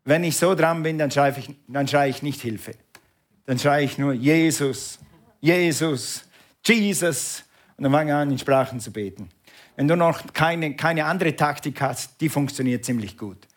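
A man preaching a sermon as pastor, animated and drawing his congregation into call and response. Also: medium pitch, normal speed.

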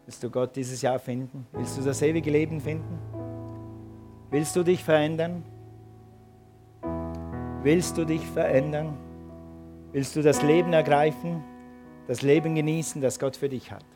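A man's voice: on the high side, fairly even intonation, a little slow, long pauses, over music. A man preaching a sermon and calling his congregation to respond. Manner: preaching with rising emphatic calls to the congregation. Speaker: pastor.

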